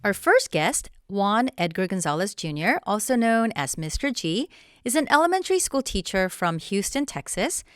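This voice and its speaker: With a medium-pitched, very animated voice at a normal speed, a female podcast host reads a cheerful scripted intro for her education show. She then moves into a casual interview with guests at a theater where a crew is setting up.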